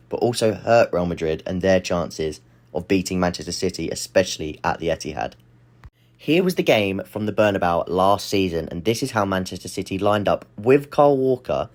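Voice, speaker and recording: A man hosting a football analysis channel, explaining tactics step by step in a voice-over, slightly breathless. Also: fairly low pitch.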